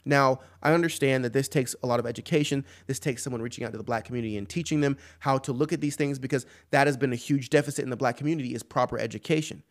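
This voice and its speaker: A man's voice: medium pitch, rapid-fire, hardly any pauses. A man hosting a podcast, giving impassioned solo commentary with emphatic repeats and rhetorical questions. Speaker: podcast host.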